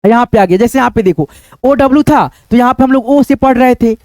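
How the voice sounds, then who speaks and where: A man teaching English pronunciation, spelling words out letter by letter and then saying them slowly, with the same friendly filler phrases over and over. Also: extremely high pitch, darkish tone, dry recording. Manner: repetitive, keeps saying "okay friends" and "look here".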